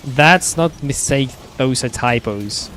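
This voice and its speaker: A man, a game streamer reading chat aloud and answering in a halting way with frequent restarts. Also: medium pitch, a bit bright, soft background music. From Russia.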